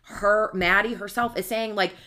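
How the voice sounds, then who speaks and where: A woman's voice: mid-range voice, steady tone, normal speed, sharp tone. A woman co-hosting a podcast in casual chat, opinionated and swearing freely. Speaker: podcast co-host.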